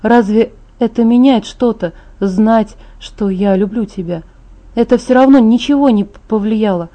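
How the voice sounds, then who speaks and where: A woman's voice: fairly high pitch, moderate pace, dark tone, lightly acted. A woman reading aloud voices a guilt-ridden young woman who pleads with him and speaks through tears. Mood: pleading. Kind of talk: audiobook character voice.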